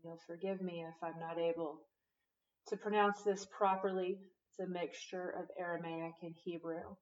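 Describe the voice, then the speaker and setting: Low-voiced woman reading scripture, muffled. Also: darkish tone, recorded from a distance. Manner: earnest, measured reading with asides. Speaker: Bible teacher.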